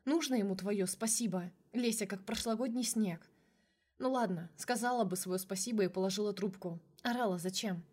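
A woman with a mid-range voice reads a first-person novel aloud as an audiobook. Her delivery is expressive and emotional, pulling the listener into the narrator's inner life. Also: medium pitch, moderate pace, husky.

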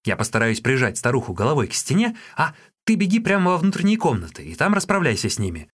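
A man voicing a cheeky young male street peddler who chatters in a high, excited voice. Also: fast talker.

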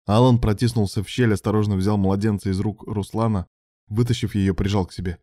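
This is a man narrating a tense story in a steady, dramatic reading. His voice sits low with a warm, mellow tone, and the sound is dry and close. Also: fairly quick, dry recording.

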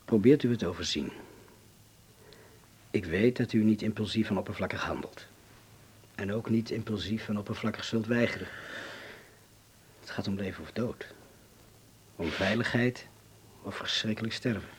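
An actor's fairly low, slightly rough voice portrays a courteous man in hiding in a Dutch radio drama. Speaking in a Netherlands Dutch accent, formally and deliberately, he sounds grave and insistent.

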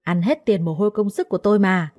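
A woman doing a shrill, accusing young maid. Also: fast talker, no room sound, clean studio sound, natural voice. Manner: shrill yelling, quarrelsome. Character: young female house servant, shrill and accusing.

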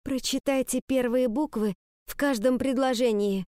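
A woman's voice: high voice, normal speed, mellow, no room sound, studio quality, pitched above the performer's own voice, lightly acted. A woman voicing a nervous, earnest schoolgirl who speaks in an anxious, pleading way. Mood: alarmed.

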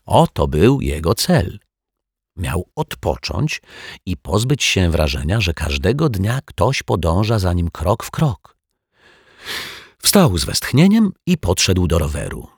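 A man narrating a children's audiobook in an expressive, measured storytelling manner. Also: low voice, breathy edge, dry recording, clean studio sound. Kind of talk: scripted narration.

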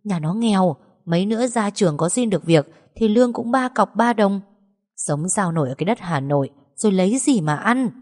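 A woman's voice: mid-range voice, expressive, fairly quick, darkish tone, lightly acted. A woman voicing a stern middle-aged mother who scolds her daughter bluntly, in an audiobook story. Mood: scolding. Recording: long reverb.

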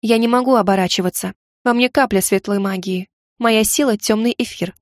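A woman reading an audiobook gives voice to a proud young witch, sarcastic and quick to snap back. Her tone sits close to the narrator's own, recorded dry and close. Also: mid-range voice, no room sound, natural voice. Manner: sarcastic, snapping. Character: young witch heroine, sharp-tongued, proud.

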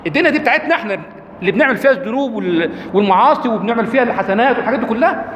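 An Egyptian lecturer on Quranic rhetoric speaks at a racing clip in a high voice that swings widely, with an Egyptian Arabic accent. He livens his explanation by firing rhetorical questions at the audience. The recording sounds roomy, with a long hall echo and a faint hum in the background.

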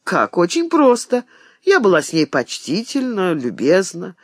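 A man voicing a sharp-tongued, scornful young bride who speaks in a mocking, self-assured way. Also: high voice, huge pitch swings, a little slow, no echo, clean studio sound, full character voice.

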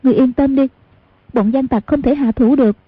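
A woman voicing a clever, tender young heroine in an audiobook, speaking softly and gently with a husky tone, on a tinny lo-fi recording. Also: high voice, steady tone, brisk, no echo.

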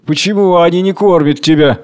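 A man's voice: a little high, fairly quick, in a large hall, voice pushed up, lightly acted. A man voicing a cold, imperious male ruler who interrogates and sentences the poor in a read-aloud play. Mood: stern.

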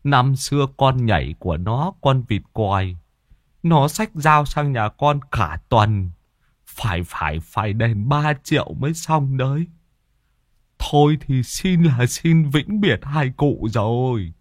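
A man's voice: a little high, animated, normal speed, dry recording, studio quality, pitched above the performer's own voice. A man voicing a panicky old village helper who stammers and laments. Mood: lamenting.

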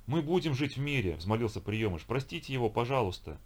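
A man's voice: fairly low pitch, expressive, moderate pace. A man reading an audiobook voices a timid, tearful adopted teenage boy who mumbles and sobs. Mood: pleading. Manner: mumbling, sobbing.

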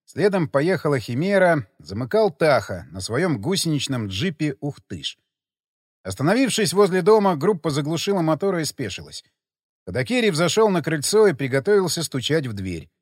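A man narrating an audiobook in an expressive storytelling way. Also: a little high, brisk, no echo, clean studio sound.

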